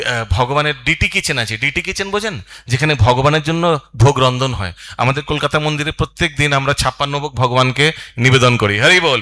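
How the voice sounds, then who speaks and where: A man giving a devotional scripture class to an audience, preaching with lively emphasis and slipping in English phrases. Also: fairly high pitch. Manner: animated preaching, mixes English phrases, leads chanting. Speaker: Gita class speaker.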